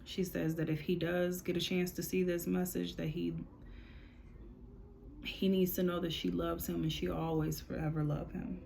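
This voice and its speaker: A woman giving a spiritual reading in a casual, informal way, relaying messages with a steady run of "she said". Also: on the low side, moderate pace, creaky, slight background noise. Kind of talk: casual channeling monologue.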